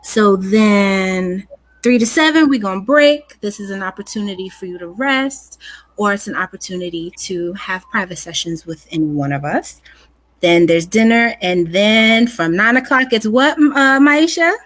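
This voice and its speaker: A woman co-host and workshop facilitator in a casual livestream chat, talking in a soft, sultry way and breaking into laughter. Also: mid-range voice, animated, moderate pace, dry recording, rough recording.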